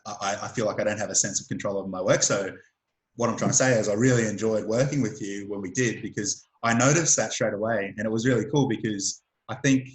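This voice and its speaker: A man hosting a casual interview, stumbling over repeated words and filling pauses with ums. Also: fairly low pitch. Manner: stammering repeats and many ums. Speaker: host. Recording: echoey room sound.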